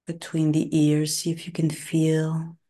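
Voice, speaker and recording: A woman guiding a body relaxation and breathing session, speaking slowly and soothingly in short phrases with long pauses, sometimes dropping to a soft whisper. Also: deep voice, monotone. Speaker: meditation guide.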